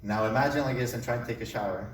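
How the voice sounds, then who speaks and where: A man's voice: medium pitch, rapid-fire, distant mic, a little hiss or hum. Young man telling his story in an echoey room. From Colombia. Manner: relaxed, joking storyteller. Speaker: speaker giving a testimony. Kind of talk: casual personal testimony. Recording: echoey room, voice away from mic.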